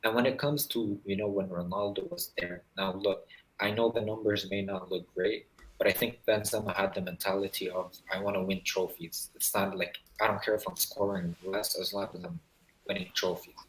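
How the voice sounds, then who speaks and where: Man with robotic, low-quality call audio. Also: fairly even intonation, moderate pace. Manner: insistent, argumentative, repeats "you know". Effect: robotic, low-quality online call audio. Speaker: participant in an online football discussion. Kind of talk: casual debate. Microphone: online voice call.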